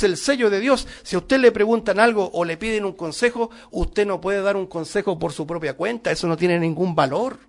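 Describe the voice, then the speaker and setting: A middle-aged male preacher giving a sermon, emphatic and full of rhetorical questions to the congregation. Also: a little high.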